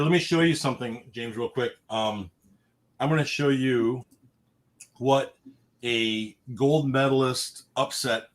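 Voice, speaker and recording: Man, mid-pitched, co-hosting a market livestream; casual, filler-heavy, fading endings. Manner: relaxed, many fillers, trails off quietly at sentence ends. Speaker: stock show co-host.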